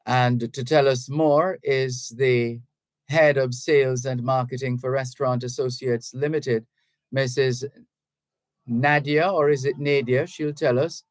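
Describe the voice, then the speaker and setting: A man with a Jamaican accent hosting a radio talk show, speaking in a measured, courteous way with small hesitations. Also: medium pitch, steady tone, no room sound. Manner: measured, courteous, a little halting. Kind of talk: radio interview.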